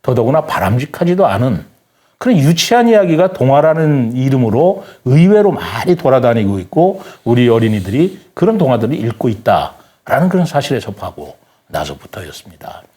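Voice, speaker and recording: Appearing as a guest writer on a reflective talk show, this man speaks in a warm, very animated mid-range voice at a moderate pace. He tells stories and explains things earnestly, keeping his speech polite and formal.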